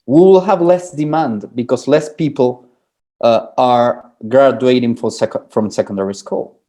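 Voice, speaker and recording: A forum speaker from Argentina gives an academic presentation, explaining with examples and often restarting or repeating words. The voice is medium-pitched, a little slow, and mellow.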